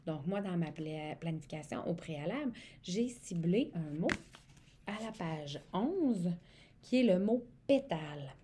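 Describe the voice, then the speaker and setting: A woman's voice: fairly low pitch, expressive, measured pace, background noise. A woman, an educational support worker giving a demonstration lesson on reading aloud to young children, stretching words as if speaking to them.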